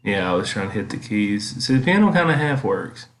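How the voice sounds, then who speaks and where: A man's voice: fairly low pitch, sing-song, brisk, a bit bright. A man giving casual, rambling commentary as he reminisces over his own vlog footage. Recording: echoey, roomy sound.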